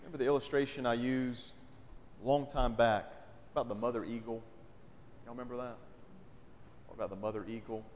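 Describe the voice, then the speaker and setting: This preacher speaks fairly quickly in a medium-pitched, darkish voice with fairly even intonation, pausing often, and a little hiss or hum can be heard. His sermon is conversational and full of questions for the congregation, delivered through a pulpit mic in a large church sanctuary with lengthy hall reverb.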